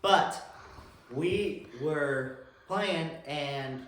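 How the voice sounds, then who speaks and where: A man's voice: a little high, drawn-out words, a bit bright. Casual male co-host, rambling and unpolished, very roomy echo. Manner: rambling, restarts, searching for words. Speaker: podcast co-host. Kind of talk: casual podcast chat. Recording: very echoey room with faint noise.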